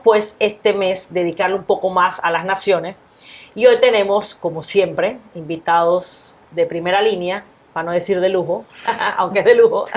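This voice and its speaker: A woman with a Panamanian accent hosting a talk show, welcoming her guest with enthusiasm and a few hesitations. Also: lowish voice. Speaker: host. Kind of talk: hosted talk show interview.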